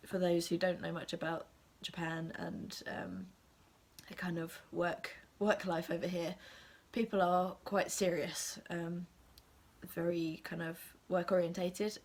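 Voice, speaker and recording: A young woman with an English accent, sick with a cold, chatting casually to camera with many ums and soft half-whispered asides. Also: on the low side. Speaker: assistant language teacher and vlogger.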